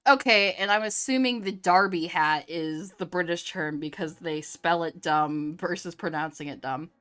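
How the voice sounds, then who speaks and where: A woman's voice: fairly low pitch, normal speed, fairly bright tone, smooth, soft background music. A woman streamer chatting casually with her viewers, reading chat aloud, joking and laughing often.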